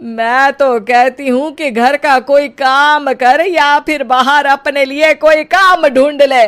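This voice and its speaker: A woman's voice: high-pitched, steady tone, slow pace, a bit bright, pitched above the performer's own voice. A woman voicing a proud, bossy middle-aged mother-in-law in a cartoon story, scolding and boasting.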